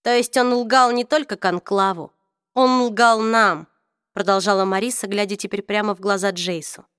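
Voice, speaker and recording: A woman's voice: mid-range voice, steady tone, moderate pace, fairly bright tone, clear, resonant tone, dry recording, studio quality, natural voice. A woman reading an audiobook, voicing a bitter, proud middle-aged woman who accuses and argues intensely. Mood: weary, bitter.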